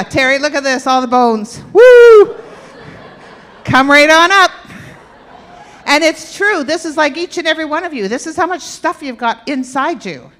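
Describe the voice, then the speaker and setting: A woman with a somewhat high voice gives a lively workshop talk, teasing and quizzing the crowd as she goes. Her voice echoes through a big hall with a long reverb tail. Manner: playful, quizzes the audience. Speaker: health workshop presenter. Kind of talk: interactive talk to an audience. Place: church hall with stage and aisle.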